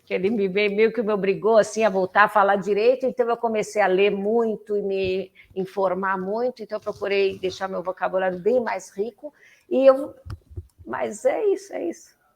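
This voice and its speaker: Animated Brazilian woman in her fifties. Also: mid-range voice, normal speed. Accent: Brazilian Portuguese. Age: 50s. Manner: animated storyteller, many restarts and fillers. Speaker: interview guest, political activist. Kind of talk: casual conversational interview.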